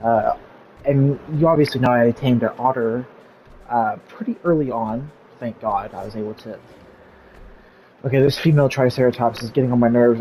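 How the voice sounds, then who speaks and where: A gaming YouTuber with a medium-pitched voice narrates a casual tutorial over gameplay, rambling, full of fillers, and easily sidetracked. He mentions he's losing his voice. The recording is muffled, with a bit of hiss or hum.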